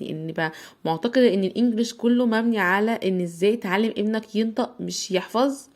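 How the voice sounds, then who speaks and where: A woman with an Egyptian Arabic accent teaching English phonics to young children, sounding words out slowly syllable by syllable. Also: medium pitch. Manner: drawn-out syllable-by-syllable sounding out, rising loud on the sounds.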